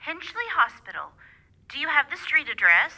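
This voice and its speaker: A woman's voice: sits high, sing-song, normal speed, pushed and bright, full character voice. A woman playing a polite, impersonal telephone operator in a radio drama, formal and singsong through a telephone effect. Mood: detached courtesy. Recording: reverberant telephone-line sound.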